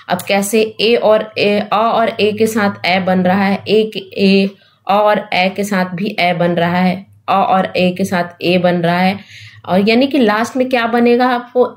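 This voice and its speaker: A woman's voice: mid-range voice, takes it slowly. A woman teaching Hindi grammar for exam preparation, repeating the rules and asking questions back to her students, mixing English terms into her explanation. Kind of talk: exam-prep grammar lesson.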